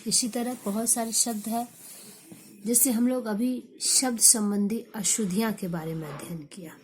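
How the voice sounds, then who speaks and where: A woman teaching a grammar lesson, slowly repeating example sentences for her students. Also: a little high, fairly even intonation, a little hiss or hum.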